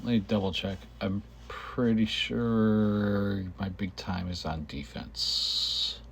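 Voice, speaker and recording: A man narrates his own gameplay at a slow, halting pace. He sounds casual and hesitant, working things out aloud, and he has a cough that keeps him clearing his throat. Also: lowish voice, steady tone, fairly bright tone, a little hiss or hum.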